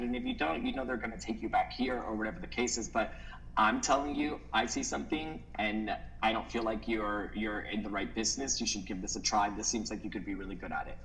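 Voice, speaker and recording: A man from the Dominican Republic, a modeling agent, telling stories in a relaxed, casual interview with many "like" fillers. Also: on the low side, a little hiss or hum, low-quality recording. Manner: relaxed storytelling, frequent "like" fillers.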